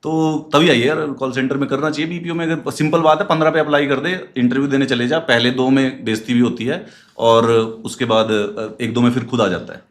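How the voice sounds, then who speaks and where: A man guest in a casual talk, explaining things in a relaxed, easygoing way. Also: medium pitch, fairly quick. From India. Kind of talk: casual chat.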